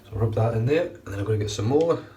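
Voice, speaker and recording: Recording his shave for a grooming vlog, a thirtysomething man with a blocked, nasal voice talks through the how-to in a relaxed, chatty way, swearing casually now and then. He's in a small, bright bathroom at home with the phone's front camera held at arm's length, so he sounds distant, with slight background noise. His voice is fairly low, and he speaks at a quick pace.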